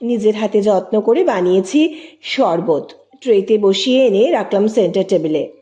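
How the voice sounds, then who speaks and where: Expressive woman telling a story. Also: mid-range voice, moderate pace. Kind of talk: audio story narration.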